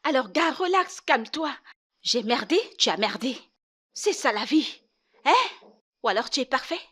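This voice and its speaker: Stubborn, unfaithful young wife in a dubbed drama; high-pitched, challenging and heated. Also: female voice, expressive, moderate pace, fairly bright tone. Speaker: wife in a marriage dispute.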